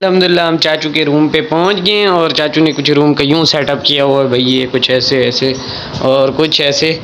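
A young man narrating a casual daily vlog, chatty and excitable, filming on a handheld phone outdoors at night. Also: a little high, normal speed. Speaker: vlogger. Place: outdoors on city streets at night. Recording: noisy street background.

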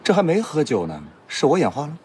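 An actor playing a placating, gossipy male buddy in a screen drama, speaking in a hurried, soothing way. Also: fairly high pitch, huge pitch swings, darkish tone, a little hiss or hum. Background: background music.

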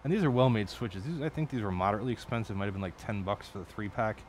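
A man's voice: on the low side, very fast, a little hiss or hum. A man talking casually while building an electronics project at his home workbench late at night, rambling, swearing and correcting himself. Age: adult. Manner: rambling, profane, self-correcting. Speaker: electronics hobbyist streamer.

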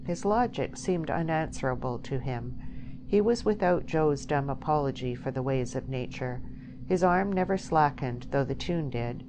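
A woman reading a novel aloud as an audiobook narrator, in a measured, even way. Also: low voice. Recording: steady background hiss.

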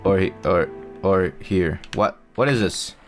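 Soft music plays behind a low-pitched, slightly slow male voice. He's a young gaming YouTuber, a non-native English speaker, chatting casually over his gameplay in a rambling, self-mocking way with lots of fillers and restarts.

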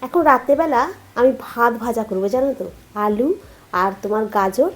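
A woman's voice: fairly high pitch, normal speed, echoey room. A woman from India, chatting casually through her daily home vlog and often turning to her viewers with "you know". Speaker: daily vlogger. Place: home kitchen, indoors.

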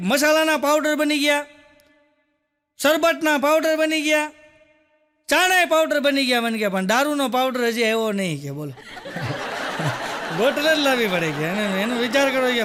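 A man's voice: high-pitched, a bit bright. A man, telling one folksy joke after another. He acts out the characters' lines himself and keeps laughing along as he talks. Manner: laughs often while acting out characters' lines. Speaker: stand-up comedian telling jokes. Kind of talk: Gujarati folk joke storytelling.

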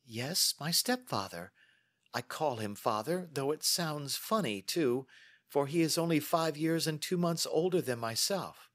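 A man's voice: fairly high pitch, animated, a little slow, fairly bright tone, no room sound, studio quality, voice pushed up. A man voicing an anxious, chatty young female client in an audiobook, with a flustered, rambling manner. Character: anxious, good-humored, chatty large young woman client. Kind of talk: audiobook character dialogue.

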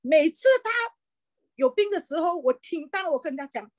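High-pitched middle-aged woman, earnest heartfelt testimony, lots of um and uh, dry close sound. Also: expressive, normal speed, darkish tone, no echo. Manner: earnest and heartfelt, with frequent hesitant fillers. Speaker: business leader sharing her story. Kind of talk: personal testimony talk.

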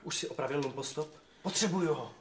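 An actor playing a proud, determined young devil in a fairy-tale film. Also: male voice, fairly high pitch, slight background noise, lightly acted.

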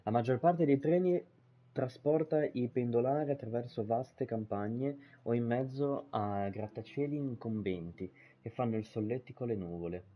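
Man, casual swearing, stumbly reads, husky, muffled mic. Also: medium pitch, normal speed. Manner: swears casually, stumbles over words while reading. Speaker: streamer playing a game. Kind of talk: live gameplay commentary and reading in-game texts aloud.

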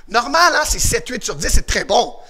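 A man teaching a karate class for children on video, shouting commands and leading call-and-response drills. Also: very high voice, very animated, normal speed, a little hiss or hum. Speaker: karate and kickboxing instructor.

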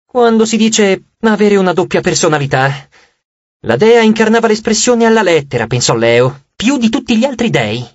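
A man narrating an audiobook chapter with expressive storytelling. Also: high-pitched, no room sound, highs cut off. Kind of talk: scripted narration.

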